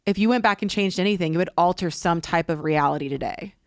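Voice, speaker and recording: A woman's voice: fairly low pitch, fast talker, no room sound, studio quality. A young woman co-hosting a podcast, chatting casually in an earnest, giggly way. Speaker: podcast co-host. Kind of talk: casual chat.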